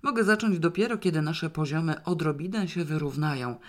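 A woman narrating a novel aloud in the first person, in a wry, lively storytelling manner. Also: low-pitched, brisk. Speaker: audiobook reader.

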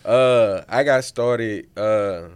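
A man's voice: on the low side, extremely slow, crowd noise. A man in his late twenties, from Pittsburgh and raised in Dallas, a tattoo artist talking laid-back and slangy. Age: late 20s. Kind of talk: casual chat.

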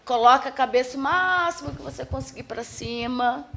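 A woman giving an animated live talk on communication, acting out examples as she goes. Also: sits high, normal speed, creaky, slight background noise. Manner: animated, acts out examples in put-on voices. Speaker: guest speaker on communication. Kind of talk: lively live-stream talk.

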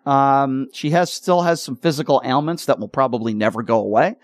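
A man hosting a sports talk radio show, talking in an earnest, halting way with repeated words, choked up with emotion. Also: mid-range voice, no echo, clean studio sound.

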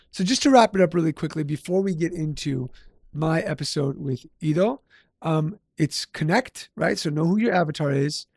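Podcast host guy, kinda high gravelly voice, upbeat salesy vibe, keeps saying right?. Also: darkish tone, dry recording, studio quality. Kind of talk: casual podcast talk with ad read.

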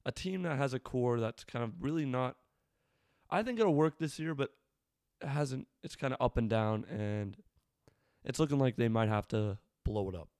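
A man's voice: mid-range voice, normal speed, darkish tone, no echo, clean studio sound. A man with a slightly worn, weathered voice giving casual solo sports commentary, informal and thinking aloud in short bursts as a fan.

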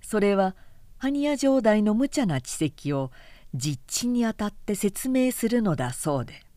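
A woman narrating a period novel as an audiobook in a calm, measured way. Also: medium pitch, no echo.

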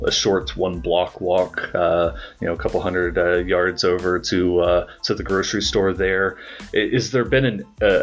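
A man hosting a podcast interview, chatting casually and rambling with fillers and restarts. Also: low voice. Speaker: podcast host.

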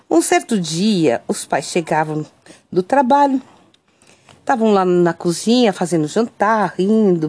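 A woman with a Brazilian Portuguese accent tells a family story casually and without hurry. She keeps checking in with her listener through tag questions, and her voice sits at a middle pitch. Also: darkish tone. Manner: unhurried, keeps adding "né?" tags.

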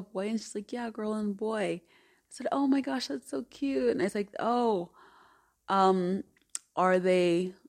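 A podcast host in her thirties tells a personal story, chatty and earnest, with many fillers and restarts. Her voice is on the low side and a little mellow.

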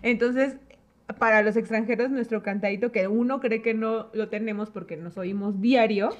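A woman's voice: on the high side, steady tone, normal speed. A young woman from the Mexico City area with a Mexico City accent, chatting casually and laughing often as a co-host. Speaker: podcast co-host. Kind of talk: casual chat.

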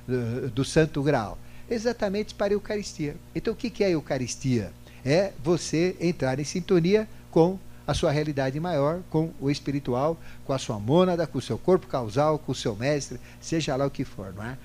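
Animated older man lecturing a class. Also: on the high side, normal speed. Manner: animated, asks rhetorical questions and tags "né?"; acts out both sides of a past argument. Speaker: spiritual teacher. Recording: faint hum, digitized from CD.

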